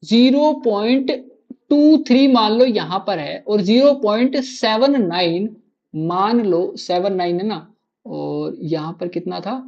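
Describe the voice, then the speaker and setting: A man's voice: high-pitched, vocal fry, a little mellow, lo-fi sound. A man teaching maths in a live online class, quizzing students with constant rhetorical questions and repeating key answers to drill them in.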